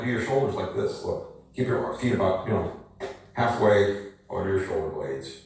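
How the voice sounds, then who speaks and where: A man demonstrating energy exercises to the camera, talking in a lively, coaxing way and asking rhetorical questions. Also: fairly low pitch. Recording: very echoey room, voice from a distance.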